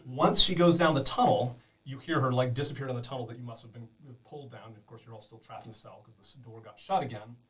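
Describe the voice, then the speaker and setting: A man's voice: medium pitch, fast, a bit bright, distant mic. A man narrating a tabletop game as game master, explaining rules to beginners in a chatty way with many fillers.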